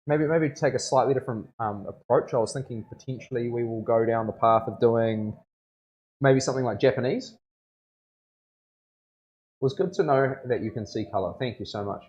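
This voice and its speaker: A man with a broad Kiwi accent and a mid-pitched voice talks to his livestream viewers. He is a tattoo artist chatting in a loose, slangy way, often looking for agreement as he goes. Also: normal speed, darkish tone, muffled recording. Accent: broad New Zealand. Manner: laid-back slangy speech, often seeking agreement. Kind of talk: casual livestream chat.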